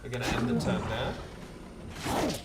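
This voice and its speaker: A man's voice: medium pitch, sing-song, takes it slowly, heavy background noise. A man hosting a let's play with casual commentary, thinking aloud and talking to the game's characters. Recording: roomy distant voice under loud game music.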